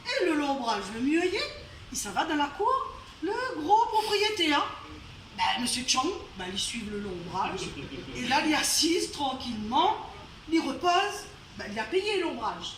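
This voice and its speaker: A woman's voice: high-pitched, sing-song, measured pace, fairly bright tone. A woman with a Réunion accent telling a folk tale live at an evening event, chatty, with asides to the audience and frequent laughter. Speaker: storyteller. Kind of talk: live oral storytelling. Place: storytelling evening in a venue. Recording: roomy, distant live venue recording with faint noise.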